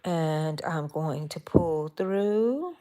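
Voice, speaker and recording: She's a Texan with a low, mellow voice, lively intonation and drawn-out words, hosting a laid-back live crochet stream in her bedroom. Chatting as she works, she thinks aloud and talks to the yarn in her hands.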